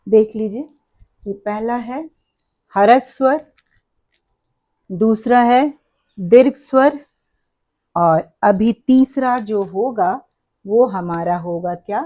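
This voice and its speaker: A woman's voice: mid-range voice, slow, pauses often, warm tone. A woman teacher explaining an exam-prep lesson step by step, asking the class questions, counting items aloud and correcting her own slips. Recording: dull lo-fi recording.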